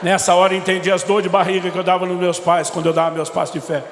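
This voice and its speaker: High, gravelly Brazilian pastor preaching. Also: male voice, flat delivery, rapid-fire, a little hiss or hum. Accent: Brazilian Portuguese. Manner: emphatic storyteller, voice rising into shouts. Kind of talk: sermon with retold dialogue. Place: church hall before a congregation. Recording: echoey hall, faint ambience.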